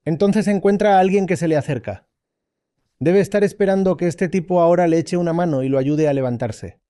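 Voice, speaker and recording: A man giving a dubbed spiritual lecture as a teacher, speaking deliberately, repeating key points and checking that listeners follow. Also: on the high side, mellow, clean tone, dry recording, clean studio sound.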